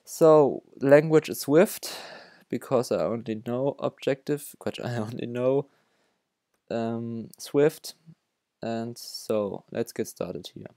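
In a dry, studio-quality recording, a young German-accented man from Germany walks through a coding tutorial on his screen. His voice is mid-range with a dark tone, and his delivery is halting, with many restarts and self-corrections, as befits a developer tutorial host.

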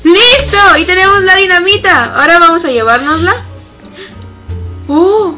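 High bright young woman, excitable let's-play commentary, faint game music behind. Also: normal speed. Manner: excitable, shrieks and laughs when chased. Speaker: gamer.

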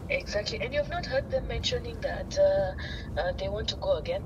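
A woman with a Kenyan accent chatting casually and emphatically over a phone loudspeaker, mixing English with Swahili. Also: medium pitch, animated, fairly quick, dull audio, slight background noise. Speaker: friend on a phone call. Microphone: phone loudspeaker in a car. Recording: distant phone speaker, loud music behind.

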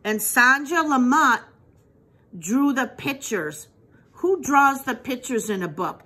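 A woman's voice: high voice, lively intonation, takes it slowly, pushed and bright, husky. A woman teacher reading a picture book aloud to young children, patiently asking them questions and praising their answers. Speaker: preschool teacher.

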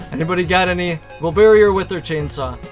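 A man chatting casually while playing a co-op game, laid-back and getting excitable in fights. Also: high-pitched. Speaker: gamer. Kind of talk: co-op gaming commentary. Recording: faint game music behind.

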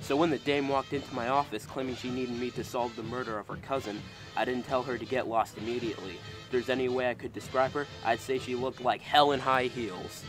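A man's voice: mid-range voice, fairly even intonation, fairly quick, natural voice, poor audio. Man playing a hard-boiled private eye narrating, wry, world-weary, mid-range voice, music behind. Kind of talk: noir voice-over narration.

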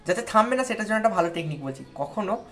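A woman's voice: mid-range voice, expressive, fast talker, fairly bright tone, faint music behind. A woman from India talking straight to students, giving patient, step-by-step advice on speaking in front of others. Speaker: tutor giving exam advice. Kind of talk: instructional talk to viewers.

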